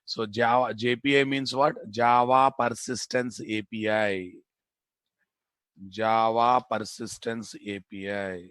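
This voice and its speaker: A man's voice: mid-range voice, steady tone, takes it slowly, fairly bright tone, smooth, dry recording. A man with a Telugu Indian accent giving an informal live technical lecture as a programming instructor, repeating phrases for emphasis and answering his own questions. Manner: informal, addresses students as boss.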